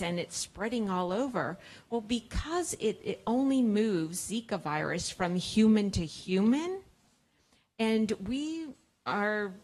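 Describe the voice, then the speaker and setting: A middle-aged woman with a somewhat low voice explains to a seated audience in a large indoor museum hall. She talks into a handheld microphone in a plain, explanatory way, pausing on fillers as she thinks. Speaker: public health expert answering audience questions. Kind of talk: science cafe Q&A.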